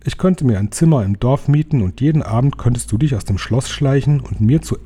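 A spirited, determined old grandmother, put on by a man with a dark, husky voice that jumps higher when she gets excited. She exclaims her plans with emphasis, stubborn and full of energy. It sounds like a bedtime storybook reading. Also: fairly quick, close to an everyday voice. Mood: dismissive.

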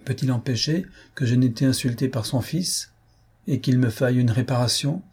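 Male reader as a proud, angry nobleman, husky, curt. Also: mid-range voice, moderate pace, darkish tone. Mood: indignant. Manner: agitated, curt and indignant. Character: proud, hot-tempered young chevalier, a man.

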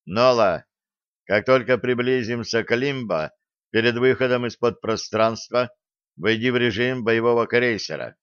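A man voicing a gruff, sardonic male starship captain who gives bossy orders, in a dull lo-fi audiobook recording. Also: mid-range voice, a little slow, fairly bright tone, dry recording, natural voice. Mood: stern mocking. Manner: bossy, grumbling.

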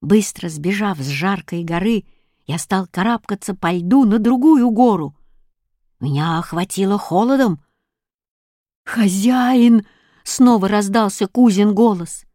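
A woman reading a children's story aloud with expressive narration. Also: medium pitch, unhurried, dry recording, clean studio sound. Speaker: audiobook reader.

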